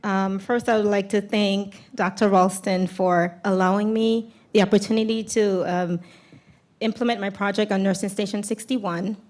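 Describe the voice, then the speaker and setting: A nervous woman with a raspy, cold-roughened voice gives a conference presentation into a handheld microphone, in a halting, hesitant way. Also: mid-range voice, fairly even intonation, a little mellow. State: raspy voice from getting over a cold. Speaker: nurse presenter. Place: lecture room at a podium, indoors.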